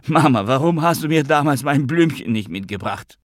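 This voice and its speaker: A man's voice: lowish voice, measured pace, no echo, studio quality, pitched above the performer's own voice, lightly acted. A man reading an audiobook, voicing a desperate, unraveling male film star who pleads and rambles in a raised, strained voice. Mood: despairing plea. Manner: pleading, rambling, falling apart.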